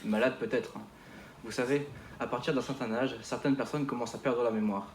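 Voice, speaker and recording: A young man plays a family doctor who hesitates and hedges, filling his speech with pauses. The sound is roomy, with a faint background hum. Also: medium pitch, fairly even intonation, close to an everyday voice. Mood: earnest. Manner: hesitant, many fillers. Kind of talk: amateur stage sketch. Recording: echoey room.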